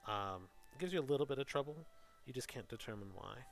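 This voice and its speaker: Male game master, average pitch, casual explanatory tabletop narration, slightly hesitant. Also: expressive, quick pace, gravelly, faint music behind.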